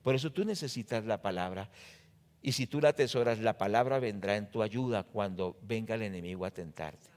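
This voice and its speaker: A man with a Colombian accent preaching a sermon as pastor, rising loud on scripture quotes and dropping low to explain, often asking the congregation rhetorical questions. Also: a little fast. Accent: Colombian Spanish. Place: church.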